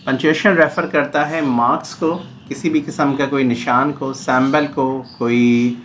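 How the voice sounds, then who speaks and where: A man's voice: medium pitch, steady tone, unhurried, a bit bright, a little hiss or hum. A man teaching a grammar lesson, explaining in Urdu mixed with English phrases.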